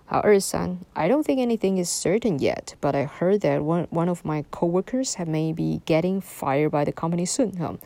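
Lady teacher, gravelly low voice, keeps tacking on little particles while explaining words. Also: warm tone, no room sound. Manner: chatty, frequent tag particles, spells words letter by letter. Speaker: English teacher. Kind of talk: explaining vocabulary test answers.

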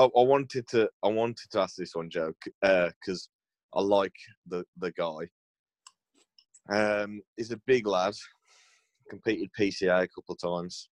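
A man with a fairly low voice chats loosely and jokingly, dropping slang as he goes. The sound is dry and close. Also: dry recording. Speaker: podcast co-host. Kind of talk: casual chat.

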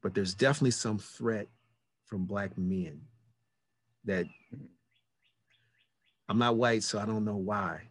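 Man, 50s, podcast host, low husky voice, dry sound, earnest, repeats himself. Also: a little slow, pauses often, dry recording. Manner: earnest, repeats key words. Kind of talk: reflective conversation.

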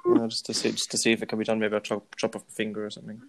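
A man with a lowish, gravelly voice co-hosts a casual podcast. He feels his way through sentences with stops and repeats, dropping dry jokes along the way. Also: completely flat delivery, very fast, very noisy. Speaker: podcast co-host. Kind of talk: casual chat.

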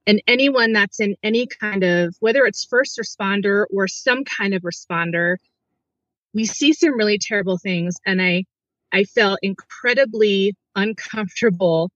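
A woman's voice: mid-range voice, normal speed, fairly bright tone, no echo. Middle-aged woman, interview guest, earnest and hesitant, dry close sound, a bit muffled. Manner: earnest, hesitant, many restarts and fillers. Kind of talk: personal story in an interview.

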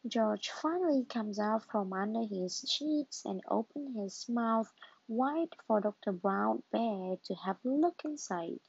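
A woman reading a children's storybook aloud in a slow, gentle manner, on a dull lo-fi recording. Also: a little high, lively intonation, vocal fry, slightly rough.

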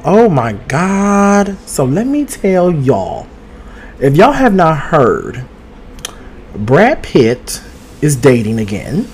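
Male podcast host, mid-pitched, sassy gossip chatter, streaming from home. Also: darkish tone, slight background noise. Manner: sassy, outspoken, swears freely; talks straight to listeners. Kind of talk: casual gossip chat. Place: home studio. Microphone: streaming with two cameras.

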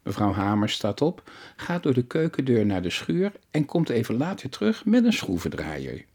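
A man narrating a children's story aloud in a calm, even way. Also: mid-range voice, moderate pace, slightly rough.

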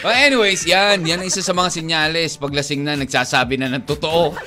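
A man co-hosting a radio show, bantering playfully, quick to deny and laugh things off. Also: fairly high pitch, noisy background. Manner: teasing, animated, quick denials and laughter. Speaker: radio DJ co-host.

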